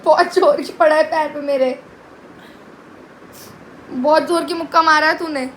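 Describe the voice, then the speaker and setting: Young woman, elder sister type, high and bright, scolds and orders her brother about. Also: steady tone, a little slow, a little hiss or hum. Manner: scolding, bossy. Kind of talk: family argument.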